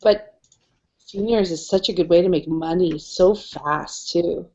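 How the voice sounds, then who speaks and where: A woman's voice: lowish voice, a little slow, warm tone, dull audio. A woman photographer chatting casually on a video call, talking with lots of filler words. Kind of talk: casual group chat.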